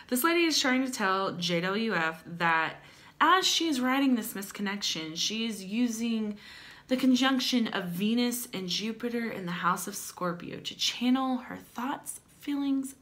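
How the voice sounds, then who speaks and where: Hosting a comedic dramatic reading from a small room in her home, a young adult woman adds chatty asides and plays it wry and playful, leaning on theatrical emphasis. Her voice is on the high side, a bit bright and animated, and she takes her time.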